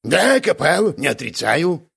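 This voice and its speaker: A man voicing a scheming, boastful male crook in an audiobook, with a raspy voice and an unflappable, smug manner. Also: fairly high pitch, sing-song, unhurried, fairly bright tone, voice pushed up, heavily acted. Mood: indignant. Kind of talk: audiobook character voice.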